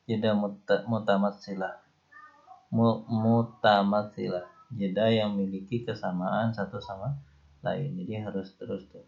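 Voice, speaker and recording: A man with a warm, lowish voice and a light Indonesian accent teaches Islamic studies conversationally, explaining loosely with frequent "ya" and "nih." The lecture is captured in a dull, lo-fi recording.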